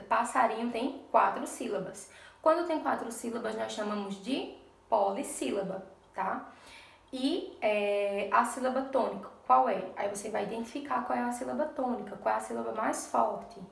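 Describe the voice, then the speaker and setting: A primary school teacher leads a recorded remote class for young children, teaching patiently step by step and often checking in with the class. Her voice is on the high side and creaky, sounding reverberant from a distant mic.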